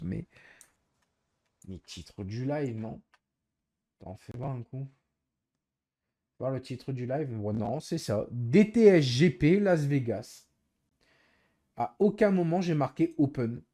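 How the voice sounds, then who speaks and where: Exasperated male streamer with a mellow voice. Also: medium pitch. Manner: exasperated, explaining himself over and over. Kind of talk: casual live-stream chat to viewers.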